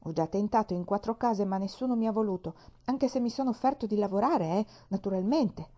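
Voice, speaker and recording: A woman's voice: mid-range voice, fairly quick, mellow, lightly acted. A woman voicing a scruffy ten-year-old orphan boy who talks bluntly and impatiently. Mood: sulky. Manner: blunt, impatient, then hopeful.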